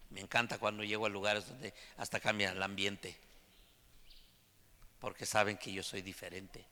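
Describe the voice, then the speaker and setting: A man's voice: on the low side, little pitch movement, moderate pace, long reverb tail. A man preaching an emphatic sermon to his congregation in a church. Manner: emphatic preaching, often loud and climbing. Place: church sanctuary.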